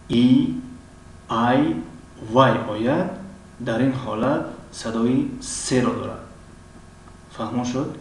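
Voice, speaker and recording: Hesitant Tajik-accented man in an echoey room. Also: medium pitch. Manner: hesitant, with many drawn-out fillers and frequent throat-clearing; slow, repeats each example word. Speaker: English teacher. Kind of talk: language lesson. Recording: very echoey room, mic at a distance, faint background noise.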